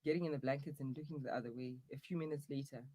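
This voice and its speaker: Brief: man narrator for a comic audio drama, husky, low-key asides. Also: steady tone, racing, mellow, no echo, rough recording.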